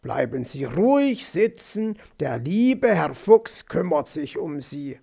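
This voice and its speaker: A man's voice: on the high side, big pitch swings, slow pace, vocal fry, darkish tone, husky, pitched below the performer's own voice, exaggerated voice. A man voicing a smug, overly solicitous male fox who talks in a soothing, patronizing way. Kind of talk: audiobook character voice.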